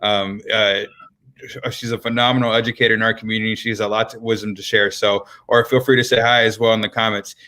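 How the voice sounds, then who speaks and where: A man with a fairly low, sharp voice that moves little in pitch talks fast while hosting a live-streamed interview. He is friendly, with many ums and repeated words.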